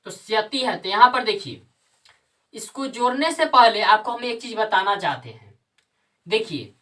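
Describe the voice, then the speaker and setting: A woman's voice: a little high, fairly bright tone, recorded from a distance. A woman teaching Sanskrit grammar, who asks the class questions, answers them herself and repeats the key terms. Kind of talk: classroom lesson with call-and-response questions.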